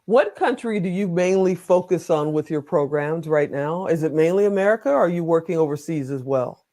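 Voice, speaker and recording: High-voiced joking male host. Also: brisk, darkish tone. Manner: jokey, chatty, long rambling questions. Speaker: interviewer, host. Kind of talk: casual interview chat.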